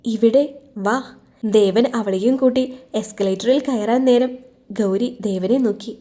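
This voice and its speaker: A woman narrating a romantic story in a steady, even-paced scripted reading. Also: mid-range voice, moderate pace.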